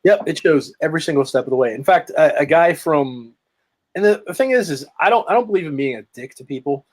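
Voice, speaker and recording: A man's voice: fairly high pitch, animated, fast talker. A man telling a story in casual chat on a video call, tagging his sentences with "right?". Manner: rambling storytelling, tags lines with "right?". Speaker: podcast guest, marketer.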